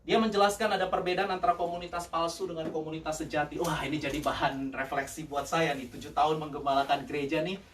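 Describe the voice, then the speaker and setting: A male pastor preaching a lively sermon, mixing English phrases in and laughing often. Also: on the high side, quick pace, few pauses, far from the mic, a little hiss or hum. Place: church service.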